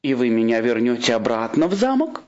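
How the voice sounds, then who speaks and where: A man's voice: mid-range voice, big pitch swings, fairly quick, muffled recording, natural voice. A man reading a storybook and voicing a vain, curious queen in a raised, eager tone. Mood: anxious.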